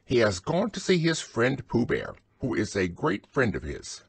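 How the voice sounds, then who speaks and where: A man voicing a fussy, cautious rabbit in a prim, high-pitched manner. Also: huge pitch swings, measured pace, creaky, husky, exaggerated voice. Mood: evasive.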